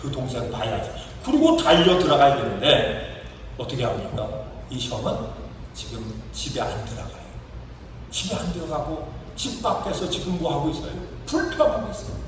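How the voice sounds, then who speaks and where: A pastor with a slightly high voice preaches a sermon at normal speed, acting out the story's characters in their own voices with lively, rising and falling emphasis. He is recorded from a distance in an echoey church sanctuary, with background noise.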